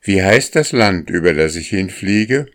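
A man's voice: on the low side, animated, unhurried, voice pushed up. A man voicing a small, curious boy who asks polite, eager questions in a storybook reading.

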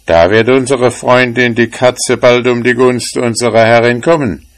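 A man's voice: medium pitch, fairly even intonation, moderate pace, pitched above the performer's own voice, lightly acted. A man voicing a sly, scheming hunting dog in a storybook tale, speaking in a raised, boastful way.

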